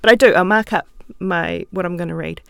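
Gravelly New Zealand woman, chatty guest. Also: on the low side, fairly quick, dry recording, clean studio sound. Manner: chatty, laughs often, thinks aloud. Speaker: guest writer. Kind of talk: relaxed interview talk. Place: recording studio.

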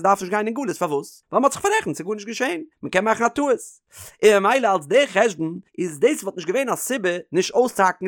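A man's voice: high voice, a bit bright, no room sound, studio quality. A man with a Yiddish accent teaching a Talmud lesson in a singsong study chant.

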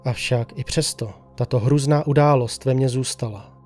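A man narrates a first-person horror story in a slow, hushed, suspenseful voice of ordinary pitch for a man. He drops to near silence on the quiet moments. A faint music bed plays beneath his reading.

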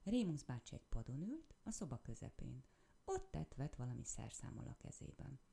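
A woman reading a children's story aloud with expressive narration. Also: very deep voice, creaky.

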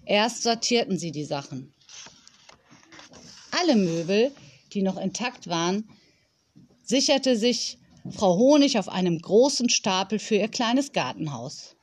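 A woman narrating a children's storybook in a lively way, giving each character a voice. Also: medium pitch, a little slow, pauses often, breathy edge. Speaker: audiobook reader.

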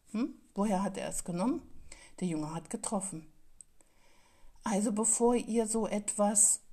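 Woman, motivational speaker, mellow warm tone, mid pitch, earnest and pleading. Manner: earnest, pleading, repeats phrases for emphasis. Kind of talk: motivational monologue.

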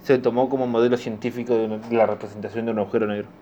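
Young guy, rioplatense accent, quiet and dry, mid-pitched voice, muffled audio with a little hiss. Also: level tone, rapid-fire. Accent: Rioplatense Spanish. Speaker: podcast co-host. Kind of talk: casual chat.

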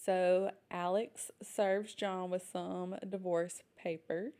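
A woman co-hosting a podcast, recapping episodes in casual chat with steady fillers. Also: lowish voice, takes it slowly. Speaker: podcast co-host.

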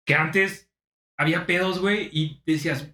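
A man's voice: a little high, fairly even intonation, moderate pace, sharp tone. A young Mexican man chatting casually with friends in slang, often repeating himself. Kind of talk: casual chat among friends. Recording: echoey room, clear background noise.

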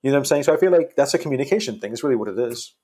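A man in his early forties, guesting on a podcast in a casual group chat, explains his thinking and checks that listeners follow. His medium-pitched voice is expressive, rapid-fire, mellow and husky.

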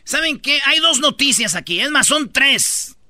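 A man's voice: very high-pitched, lively intonation, unhurried, a crowd in the background. A man with a Mexican accent hosting a comedy radio show, bantering over news items in a slangy, jokey way.

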